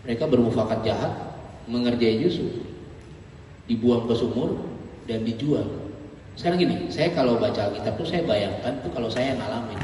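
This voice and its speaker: A man preaching a lively, casual youth sermon, joking and acting out voices. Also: medium pitch, slight background noise. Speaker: pastor. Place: church hall. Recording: echoey hall, distant mic.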